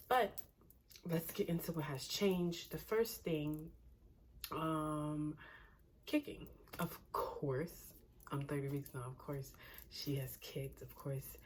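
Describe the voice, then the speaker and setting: A young woman with a low voice talks through a casual pregnancy vlog, rambling and a little breathless from the pregnancy. She sometimes sinks into a near whisper. A faint hiss sits under the recording. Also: darkish tone. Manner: chatty, rambling, laughs often, drops to a near whisper at times. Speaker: pregnancy vlogger.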